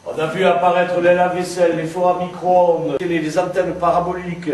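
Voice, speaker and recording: An actor plays a needling old friend who teases a returning companion. His voice is high for a man. It echoes around a theatre stage, picked up from a distance with faint room noise. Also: flat delivery, fairly quick, darkish tone, lightly acted. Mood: teasing. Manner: needling, teasing. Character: teasing old male friend, wistful. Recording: echoey stage recorded from afar.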